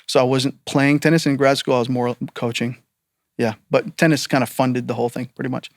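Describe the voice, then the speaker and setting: The man's mid-range voice shows little pitch movement and moves fairly quickly, with no room sound. He's in his thirties, from Barbados, with a part Barbadian, part American accent, telling jokey, self-deprecating stories as a podcast guest with frequent fillers and restarts.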